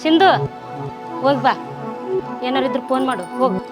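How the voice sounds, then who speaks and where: A woman's voice: sits high, expressive, moderate pace, over music, pitched below the performer's own voice. A woman playing a curt scolding mother. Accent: North Karnataka Kannada. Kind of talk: short film acting.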